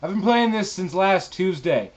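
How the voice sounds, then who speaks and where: A man's voice: sits high, expressive, normal speed. A man hosting a gaming channel, talking casually to viewers with emphatic showmanship and frequent swearing. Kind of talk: casual vlog monologue to viewers. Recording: dull, lo-fi sound.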